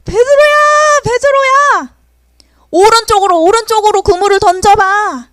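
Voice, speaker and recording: Woman playing a gentle loving grown man, soft calling, tender questions, high lively voice, dry sound. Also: a little slow, dry recording, heavily acted. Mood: gently calling.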